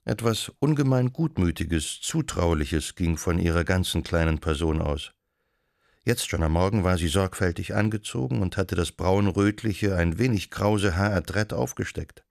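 A man reads a novel aloud as an audiobook narrator, measured and even in delivery. His voice is very deep with a gravelly edge. The recording is dry and close with no room sound. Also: dry recording. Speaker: audiobook reader. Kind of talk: scripted narration.

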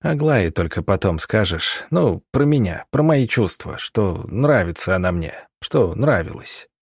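A man voicing a gruff, blunt aging army lieutenant who talks in hoarse, clipped, barking phrases, in a dry recording. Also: lowish voice, very animated, a little slow, no echo, full character voice.

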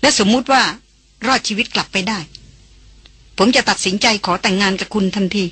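A woman's voice: medium pitch, brisk, fairly bright tone, husky, no echo. A woman reading an audiobook, voicing a bold young man who earnestly courts a foreign woman. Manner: earnest, pleading, raised voice.

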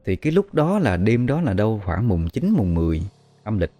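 Deep-voiced Southern Vietnamese storyteller. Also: male voice, very animated, mellow, faint music behind. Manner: slow, measured, hesitant with fillers. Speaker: ghost story host. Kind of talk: storytelling narration.

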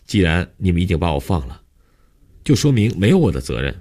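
A man voicing a stubborn young woman in an audiobook, firing back quick protests at her questioner. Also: sits low, very animated, darkish tone, voice pushed up, heavily acted. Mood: defiant. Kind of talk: audiobook character voice.

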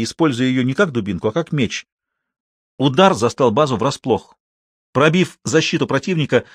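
A man reading a novel aloud as an audiobook narrator, steady and measured. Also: medium pitch, no echo, studio quality.

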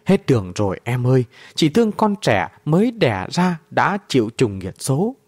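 A man's voice: mid-range voice, sing-song, moderate pace, a little mellow, breathy edge. A man playing a grave, devoted young husband. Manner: grave, resolute. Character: loyal young husband, proud and despairing.

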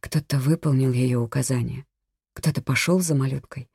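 An audiobook narrator giving a measured, even reading of a crime thriller. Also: mid-range voice, gravelly, breathy edge, no room sound, clean studio sound.

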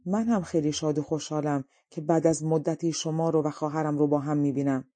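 A woman's voice: low voice, steady tone, mellow, no echo, natural voice. A woman voicing an earnest young prince in an audiobook story. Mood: glad.

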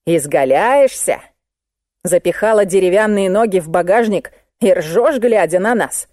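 A woman's voice: mid-range voice, lively intonation, unhurried, darkish tone, dry recording, clean studio sound, natural voice. A woman voicing a short-tempered, complaining male traffic cop in an audiobook. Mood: mocking. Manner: indignant, complaining.

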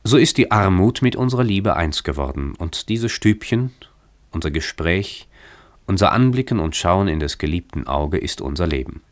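A loving young wife with a soft, tender, lightly teasing way of speaking, read by a man in his own deep voice. The voice sits close and dry, as in a radio story reading. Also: expressive, moderate pace, no echo.

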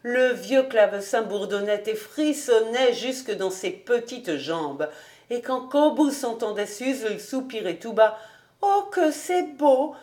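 A woman reading a classic novel aloud as a volunteer audiobook narrator, in a calm, even storytelling manner. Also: on the high side, measured pace. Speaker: audiobook reader.

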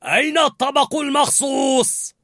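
Man doing an impatient gruff chef. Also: high voice, big pitch swings, moderate pace, no room sound, clean studio sound, voice pushed up, heavily acted. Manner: impatient, loud.

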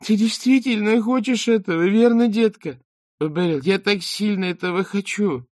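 A man reading an audiobook voices a syrupy, two-faced female talent-show judge with a high, sugary cooing tone. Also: unhurried, no room sound, clean studio sound, lightly acted. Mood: cloying.

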